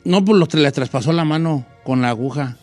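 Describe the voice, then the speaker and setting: A man's voice: fairly high pitch, fairly quick, darkish tone, soft background music, lightly acted. A man voicing a chatty, nervous old Mexican ranchero with a Mexican accent, hosting live radio comedy talk. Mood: rambling. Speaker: radio host.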